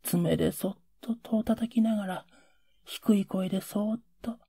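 A man voicing a rough, emotional working-class Edo man who pleads in coarse old Edo street speech. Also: high-pitched, normal speed, mellow, dry recording, clean studio sound, pitched above the performer's own voice, exaggerated voice. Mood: wistful.

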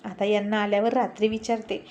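A woman's voice: medium pitch, level tone, a little fast, dull audio, lightly acted. Bashful, good-humored wife, read by a woman. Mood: affectionate. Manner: laughing, scolding gently.

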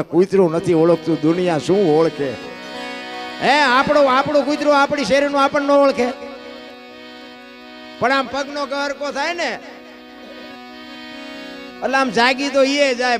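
A man's voice: high voice, a bit bright. A man with a Saurashtra Gujarati accent giving a devotional folk storytelling talk at a temple event, full of rhetorical questions and folksy asides.

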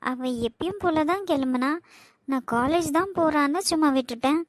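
A woman's voice: sits high, no room sound, close to an everyday voice. A woman voicing the anxious women of a family in a cartoon, speaking with a Kanyakumari Tamil accent. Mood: worried. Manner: fretful, quick family bickering. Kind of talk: cartoon voice acting.

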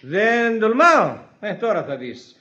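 An actor playing a fussy, good-natured husband and writer in a radio play, husky and prone to stumbling over his words. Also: high voice, big pitch swings, sharp tone, heavily acted. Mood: flustered. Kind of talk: 1950s radio play acting. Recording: dull, lo-fi archive radio recording.

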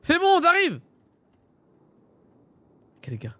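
Excitable man in game roleplay. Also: very high-pitched, slow, no echo. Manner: excitable, shouting orders, teasing. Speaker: streamer playing a small-time criminal.

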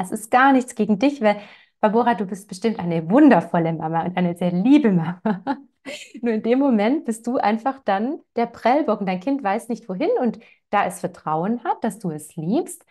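A woman's voice: medium pitch, animated, moderate pace, a little mellow. A woman working as a parenting coach, answering parents' questions in a direct, reassuring way and speaking to them by name.

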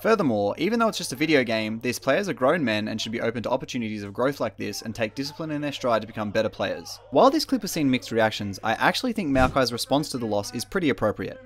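Brisk man narrating a scripted commentary. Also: medium pitch, big pitch swings. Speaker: video commentator. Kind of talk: scripted narration giving opinion.

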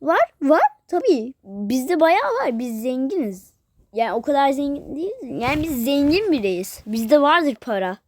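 A woman's voice: high-pitched, big pitch swings, measured pace, no room sound. A woman voicing a tired, impatient businessman hotel guest in a playful toy role-play, repeating himself insistently. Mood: flustered.

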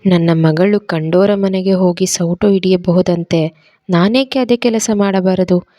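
Woman narrator voices a biting, sarcastic aging father; low, mellow tone. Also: steady tone, unhurried, no room sound, natural voice. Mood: bitter.

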